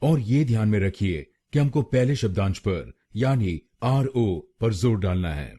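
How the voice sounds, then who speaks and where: A man hosting a pronunciation lesson, speaking slowly and deliberately and repeating each word several times. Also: on the low side, expressive, warm tone. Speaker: pronunciation teacher.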